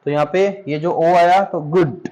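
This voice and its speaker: A man's voice: a little high, steady tone, moderate pace, a little mellow, dull audio. A middle-aged man from India teaching a spoken English class, patiently stretching out example words and calling his students "beta".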